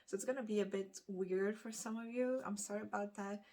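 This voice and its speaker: Chatting off the cuff to camera, a Lithuanian book vlogger, a native speaker of Lithuanian, wanders through her thoughts and hesitantly fixes her words as she goes. Her voice is mid-range with a dark tone, a little fast, and fairly even in intonation.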